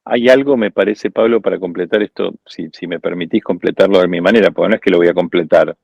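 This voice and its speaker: Gravelly Argentine man giving a reflective talk. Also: low-pitched, fast talker, no room sound, dull audio. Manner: reflective, digressive storytelling. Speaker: guest speaker at an architecture school. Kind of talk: informal lecture.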